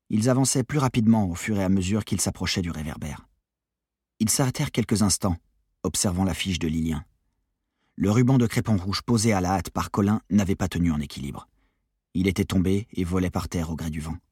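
Audiobook reader, man, lowish husky voice, dry close sound, steady. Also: fairly quick, no room sound. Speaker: audiobook narrator. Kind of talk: scripted novel narration.

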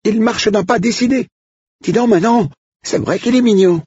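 A shrill, excitable young cook, as a male narrator puts her on in a storybook reading, her voice shooting way up high. She squeals every remark with breathless excitement, the recording dull and lo-fi. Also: moderate pace, breathy edge, no room sound.

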